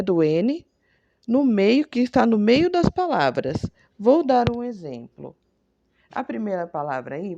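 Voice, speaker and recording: A woman's voice: mid-range voice, mellow, no room sound. A woman teacher reads textbook exercises to young pupils in a remote lesson and explains each step patiently with examples. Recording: dull lo-fi sound.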